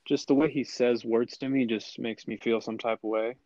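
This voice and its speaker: A man's voice: medium pitch, fairly even intonation, moderate pace, a little mellow, no room sound, lo-fi sound. A man co-hosting a podcast in casual chat, often stumbling and repeating words as he starts a sentence. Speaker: podcast co-host.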